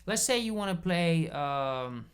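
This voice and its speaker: A man teaching bass guitar in a casual video lesson, explaining patiently step by step and checking in often. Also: expressive, unhurried. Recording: bass guitar playing between phrases.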